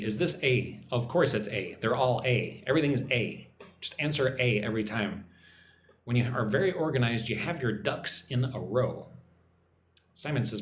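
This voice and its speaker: An American English teacher hosts a casual lesson livestream from his home in Vietnam, chatting with viewers and answering their comments by name. His voice is medium-pitched, and the room is echoey with slight background noise.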